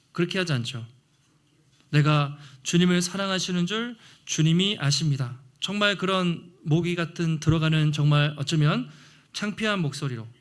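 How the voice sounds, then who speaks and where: A man preaching a Sunday sermon as pastor, earnest and conversational, often clearing his throat. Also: fairly high pitch, fairly bright tone.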